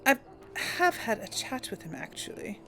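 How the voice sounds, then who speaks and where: With a little high, sing-song voice that sounds pushed and bright, this woman talks at normal speed while streaming a video game. Her let's-play commentary is casual and full of laughter, with occasional in-character lines.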